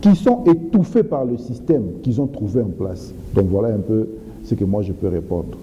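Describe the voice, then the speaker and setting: A man answering interview questions in a measured, halting way with frequent restarts. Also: fairly low pitch, sing-song, dark tone, a little hiss or hum. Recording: muffled reverberant studio sound.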